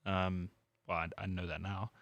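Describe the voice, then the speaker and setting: A man's voice: low-pitched, level tone, normal speed, vocal fry, fairly bright tone, dry recording, dull audio. A South African man co-hosting a sports talk show, laid-back and questioning, full of "like" and "dude". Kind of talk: casual sports chat.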